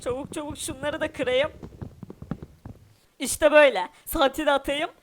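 Casting: man doing a whiny runaway boy in a cartoon game parody, high-pitched and sulky. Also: fairly even intonation, normal speed, fairly bright tone, slight background noise. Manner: whiny, sulking, talks to viewers.

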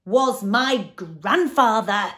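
A woman voicing a huge male smog creature who bellows his words slowly and swings from laughter to tears in a storybook reading. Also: deep voice, expressive, a bit bright, exaggerated voice. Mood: wailing. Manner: bellowing, slow and drawn out. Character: booming male smog creature, loud and emotional.

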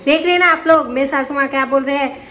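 A woman's voice: high-pitched, quick pace, bright, forceful tone, a little hiss or hum. A young woman vlogger chatting at home, talking straight to her viewers. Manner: chatty, addresses viewers, laughs often. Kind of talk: casual vlog chat. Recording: echoey room.

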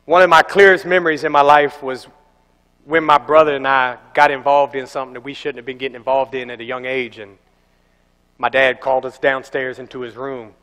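A young man preaching a sermon as pastor, animated and telling stories with acted-out voices. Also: mid-range voice, a little fast, clean tone. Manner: animated storytelling, acting out voices. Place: large church hall. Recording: echoey church hall.

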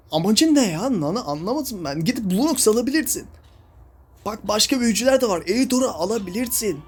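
A man's voice: sits high, breathy edge. A young man talks over his own mobile gameplay in a casual, running commentary. He keeps ranting in exasperation at his teammates, sighing and scolding as the match goes wrong. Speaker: mobile game streamer.

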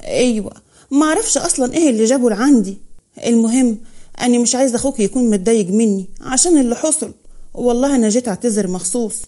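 A woman's voice: fairly high pitch, very fast, dark tone, lightly acted. A woman voicing an embarrassed, fretful young woman student. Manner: apologetic, fretful.

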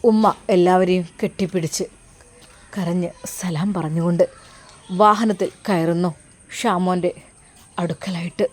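A woman's voice: lowish voice, fairly even intonation, unhurried, long pauses. A woman with a Malappuram Malayalam accent narrating an emotional family story expressively.

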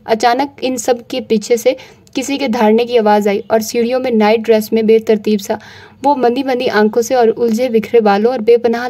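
A woman reads a romance novel aloud as an audiobook narrator with a steady storytelling delivery. Her voice is fairly high and soft, mellow in tone.

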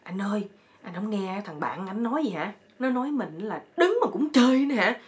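A woman's voice: mid-range voice, lively intonation, fairly quick, a little mellow, lightly acted. A woman voicing an affectionate young wife with a coaxing, pleading way of talking. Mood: worried.

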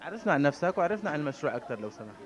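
A man in his thirties with a Syrian Arabic accent talks very fast in a slightly raised voice, coaxing children and chatting politely with parents. He holds a handheld mic in a busy indoor clothing shop. A crowd chatters behind him. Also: fairly high pitch, big pitch swings, muffled recording. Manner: playful and coaxing with kids, warm and formal with adults. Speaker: TV reporter. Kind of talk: street interview. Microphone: handheld reporter mic.

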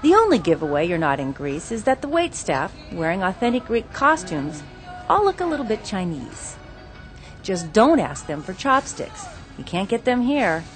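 A woman TV reporter narrating a news feature in a bright, scripted way and chatting with diners on camera. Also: mid-range voice, low-quality recording.

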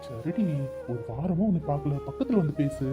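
A woman's voice: low voice, lively intonation, moderate pace, phone-quality sound. A woman voicing Kathir, a playful, devoted young man in a cartoon, coaxing, teasing and protective. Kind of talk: cartoon voice acting. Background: background music.

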